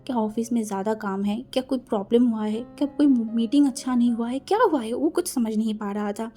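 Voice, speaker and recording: Female storyteller, expressive and dramatic, mellow tone. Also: on the high side, brisk, faint music behind. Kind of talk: fan fiction narration.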